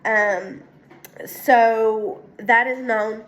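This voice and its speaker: Young female student, congested, slightly high voice, unhurried, halting delivery with frequent fillers. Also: fairly even intonation, a bit bright. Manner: hesitant, many ums and restarts. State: congested from a sinus infection. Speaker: student presenting a weekly assignment. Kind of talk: casual spoken class presentation.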